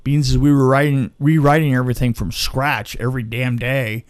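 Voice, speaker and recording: In a flat delivery at a moderate pace, a medium-pitched man tells casual behind-the-scenes film stories for a podcast, drawing on his experience as a crew veteran. He acts out the exchanges he quotes, and the recording has no echo.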